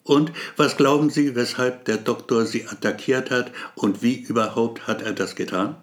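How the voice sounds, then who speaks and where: A man voicing a gruff, blunt male police officer who barks orders. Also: mid-range voice, fairly even intonation, moderate pace, close to an everyday voice. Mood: stern.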